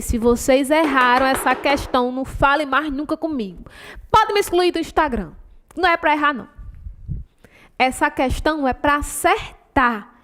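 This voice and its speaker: A woman with a high voice and a Brazilian Portuguese accent reviews exam questions with her students. She is theatrical and playful, scolding them in jest and breaking into sing-song memory chants. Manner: theatrical, teasing and scolding, sings mnemonic chants. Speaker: teacher.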